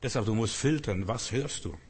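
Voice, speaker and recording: Husky male preacher in an echoing hall. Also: on the low side, moderate pace. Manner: earnest, direct, with rhetorical questions. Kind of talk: sermon. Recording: long reverb of a large hall.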